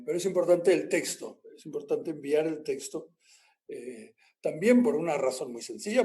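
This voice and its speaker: A man's voice: medium pitch, dark tone. A male university lecturer giving class announcements in a loose, rambling way, with many fillers and frequent tag questions.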